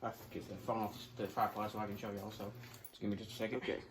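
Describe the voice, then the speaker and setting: A young man giving a casual how-to to camera, halting as he searches for words. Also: lowish voice, little pitch movement. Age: young adult. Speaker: video host. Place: garage, phone on tripod a few feet away. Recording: clearly noisy garage phone recording.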